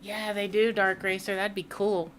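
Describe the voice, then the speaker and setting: A woman's voice: mid-range voice, level tone, moderate pace, a bit bright, slight background noise. A young woman live-streaming a racing game, chatting casually and answering viewers between laps. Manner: chatty, reads and answers chat mid-race.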